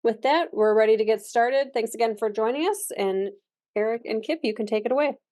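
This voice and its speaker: A woman moderating a webinar, giving brisk, businesslike housekeeping notes. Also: a little high, a little mellow.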